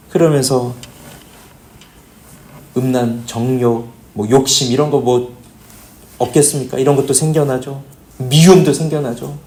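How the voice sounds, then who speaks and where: A man's voice: a little mellow, reverberant. A man preaching a Sunday sermon as a pastor, often asking the congregation questions. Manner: questions the congregation often, pitch rising and falling. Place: church sanctuary.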